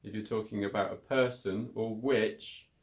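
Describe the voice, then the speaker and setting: A man teaching a beginner English lesson, speaking slowly and deliberately and repeating words for learners to follow. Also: fairly low pitch, steady tone. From United Kingdom.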